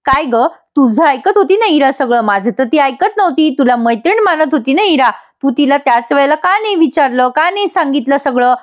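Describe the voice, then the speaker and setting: Give me a woman playing an angry, accusing mother who threatens a rival in dramatic serial dialogue, in a fairly high voice. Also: expressive, normal speed, few pauses. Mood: accusing, threatening.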